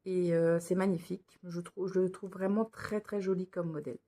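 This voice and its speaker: In a casual show-and-tell vlog shot indoors by lamplight, a woman walks through cross-stitch patterns at a moderate pace. Her fairly low, mellow voice keeps a fairly even intonation, though she hesitates, restarts and leans on fillers.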